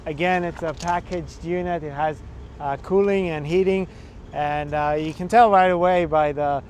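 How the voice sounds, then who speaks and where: A young man explains equipment in an instructional walkthrough, his voice sitting a little high. He halts often with fillers and restarts. He is recorded outdoors on a rooftop with a faint hum of the surroundings behind him. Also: steady tone, moderate pace, a little mellow. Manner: hesitant, many filler sounds and restarts. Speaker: energy auditor instructor.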